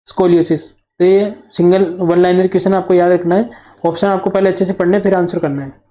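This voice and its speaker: A man's voice: high voice, fairly even intonation, brisk, dark tone. A man teaching nursing exam material as a whiteboard lecture. He poses questions, answers them himself, and repeats the key terms.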